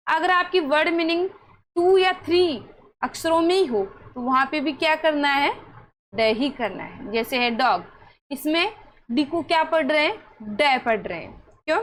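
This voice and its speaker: A woman's voice: high voice, animated, moderate pace, fairly bright tone, slight background noise, low-quality recording. A woman with a Hindi accent teaching English pronunciation rules, asking questions and answering them herself in an encouraging way. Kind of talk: classroom-style pronunciation lesson.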